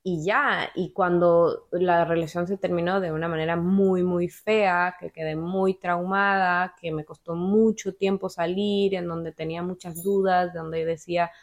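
A woman's voice: fairly low pitch, little pitch movement, a little slow, few pauses. A woman in her thirties, a podcast guest, talking reflectively in casual chat and repeating words for emphasis. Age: 30s.

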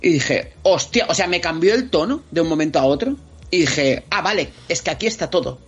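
Expressive Spanish man, husky lo-fi audio. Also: fairly high pitch, a little fast. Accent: Spain Spanish. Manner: expressive storyteller, acts out scenes with interjections. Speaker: podcast guest. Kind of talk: casual podcast chat. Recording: slightly dull lo-fi audio, faint music behind.

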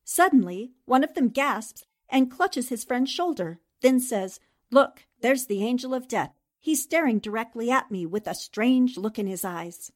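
In a radio mystery drama, a woman plays a shrewd, composed newspaper columnist who moonlights as an amateur sleuth. Her voice sits a little high with lively intonation, and she delivers the lines deliberately, like telling a story.

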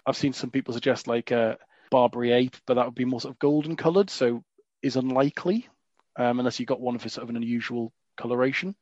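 Man, podcast host, casual and jokey, mid pitch, dull dry lo-fi sound. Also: fast talker, a little mellow, no echo. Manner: chatty, jokey, frequent "you know" fillers.

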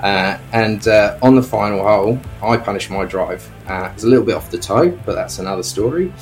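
A man's voice: fairly low pitch, fairly quick, faint music behind, rough recording. A middle-aged Australian man leaving a casual voicemail for a podcast, hesitating with frequent ums and uhs. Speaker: caller.

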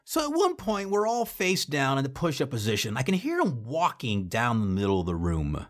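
A man tells his own story in a relaxed podcast style, cursing now and then. His voice sits in a middle register but leaps up and down with lively expression. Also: medium pitch, moderate pace. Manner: animated, swears freely, acts out shouted drill orders. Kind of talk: casual first-person storytelling.

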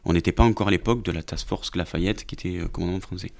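Deep gravelly French officer. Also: male voice, rapid-fire, a little mellow. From France. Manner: hesitant, many restarts and fillers. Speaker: army officer telling a deployment story. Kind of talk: casual podcast interview.

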